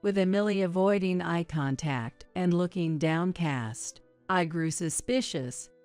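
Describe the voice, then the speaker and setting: A woman narrating a story in a measured, even way. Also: fairly low pitch, clean tone, soft background music.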